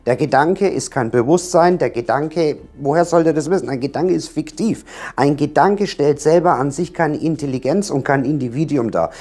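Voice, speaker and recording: A man's voice: fairly high pitch, moderate pace, a little mellow. Emphatic man coaching the viewer directly. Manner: emphatic, repeats key words, rhetorical questions. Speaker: anxiety coach. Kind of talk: direct-to-camera coaching talk.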